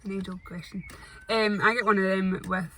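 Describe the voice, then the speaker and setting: A woman's voice: medium pitch, fairly even intonation, a little fast, pushed and bright, distant mic, slight background noise. A young woman, chatting casually and drily as a co-host. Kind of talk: casual chat.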